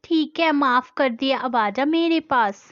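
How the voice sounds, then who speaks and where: A woman voicing a strict but loving mother who scolds loudly, in a storybook doll-play story. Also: high voice, unhurried. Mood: softening. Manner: loud, scolding. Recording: dull lo-fi sound.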